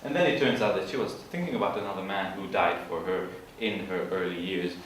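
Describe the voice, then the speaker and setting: A man giving an informal literature presentation, explaining in a halting way and searching for his words. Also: low voice. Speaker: student presenter. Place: large room at an evening school event. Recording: echoey hall from far off, faint noise.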